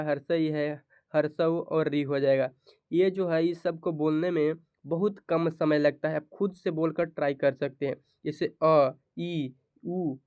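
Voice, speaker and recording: A man's voice: a little high, a little mellow, smooth, dry recording, studio quality. A male teacher gives a grammar lesson to board exam students, asking each question aloud and answering it himself.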